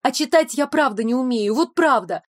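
A woman reading an audiobook, voicing a defiant young heroine from another world who talks quickly and sharply. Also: sits high, lively intonation, no echo, studio quality. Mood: ranting.

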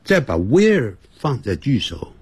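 A man teaching an English lesson on the radio. He explains grammar patiently and sounds words out slowly, several times over, to show how they should be said. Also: mid-range voice, wildly swooping pitch, darkish tone, husky, dry recording. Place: radio studio.

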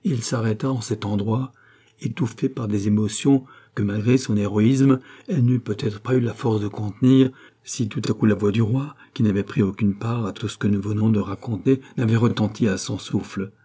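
A man's voice: lowish voice, steady tone, moderate pace, warm tone, breathy edge. A man reading a classic novel aloud as an audiobook narrator, lifting his voice a little for the quoted lines. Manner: reads all parts himself, lifting his voice for quoted lines.

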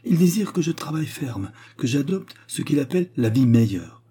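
An effusive young heiress gushes and exclaims in a lifted, eager voice, as a male audiobook narrator puts her on. The tone stays mellow and slightly husky underneath. It sounds like a storybook read aloud. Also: fairly high pitch, big pitch swings, moderate pace, voice pushed up. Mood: earnest. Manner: exclamatory, gushing. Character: young woman, joyful, effusive, warm-hearted heiress.

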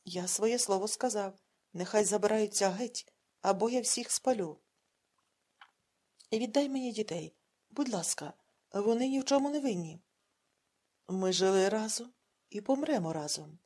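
A woman voicing a desperate, defiant peasant man in an audiobook, in her husky reading voice. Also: sits high, expressive, normal speed, pauses often, darkish tone. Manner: defiant, resolute.

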